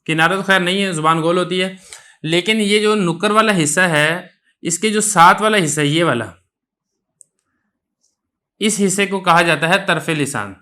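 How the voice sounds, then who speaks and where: A man's voice: high-pitched, bright, forceful tone. A man teaching a religious lesson on pronouncing letters, explaining step by step in a patient way and asking questions that he then answers himself. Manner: sustains a drawn-out letter sound when demonstrating pronunciation. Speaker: Quran recitation teacher.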